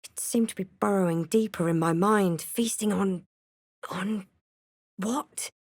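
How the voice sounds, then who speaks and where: An actress voicing a young female video game adventurer, wry, wary and thoughtful, with measured, theatrical delivery. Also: medium pitch, dry recording, clean studio sound. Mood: tense, reflective. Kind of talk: video game character voice lines.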